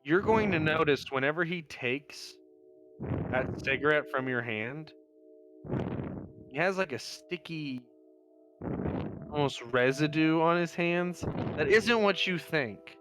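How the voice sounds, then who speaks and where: A man's voice: a little high, takes it slowly, long pauses, noisy background. A man running a tabletop game as game master, narrating in a casual, rambling way.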